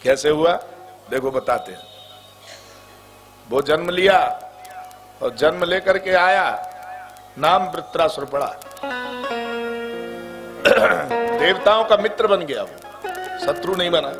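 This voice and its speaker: A man's voice: on the high side, slow pace, long pauses. A man from the Braj region preaching a devotional sermon, telling stories, chanting repeated words and singing verses to his listeners. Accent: Braj Hindi. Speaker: kathavachak preacher. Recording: music playing behind.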